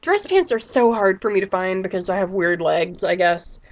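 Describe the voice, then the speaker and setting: A woman's voice: medium pitch, sing-song, moderate pace. A woman in her thirties with a sick voice, chatting casually and rambling as a vlogger. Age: 30s. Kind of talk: casual chat.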